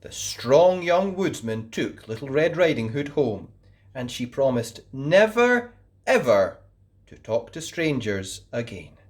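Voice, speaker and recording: Slowly and gently, a woman hosting a storytime reads a children's tale in a low voice, taking her time over every phrase. Wide swings of pitch hold the young audience's attention, and her delivery is warm and expressive.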